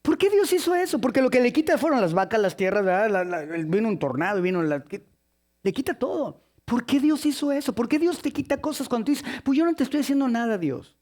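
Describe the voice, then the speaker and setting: A man's voice: very high voice, lively intonation, fairly quick, a little mellow. A man preaching a sermon, telling a story with jokes and acting out its characters in different voices.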